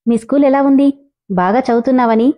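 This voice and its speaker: A woman's voice: high-pitched, a little fast, highs cut off, natural voice. A woman voicing a boastful little girl raised in the city, sweet-toned and showing off, in a storybook reading.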